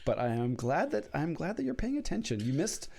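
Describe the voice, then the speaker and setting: A man's voice: fairly high pitch, huge pitch swings, a little fast, creaky, darkish tone. A man hosting a live-streamed podcast, jokey and rambling, with many restarts. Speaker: podcast host. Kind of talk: casual live-stream chat, reading a mock sponsor ad.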